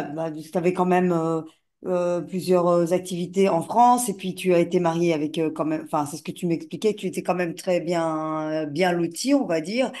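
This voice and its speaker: A woman's voice: on the low side, darkish tone. A woman hosting an interview, asking long questions with many hesitations and repeated words. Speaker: interviewer, host.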